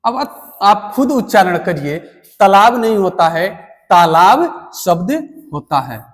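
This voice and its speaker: Male teacher, high voice, slow deliberate board lesson, long room reverb. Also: expressive. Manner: slow, deliberate, repeats words for emphasis. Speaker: Hindi teacher.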